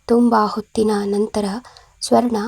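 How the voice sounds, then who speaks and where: A woman storyteller giving scripted narration in a steady, measured way. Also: on the high side, gravelly, husky, no room sound.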